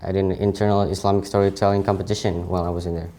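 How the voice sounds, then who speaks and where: A young man in his late teens, a native Indonesian speaker with an Indonesian accent, informally presents his CV. His deep, mellow voice is delivered flatly, and he speaks haltingly, often stopping to correct himself.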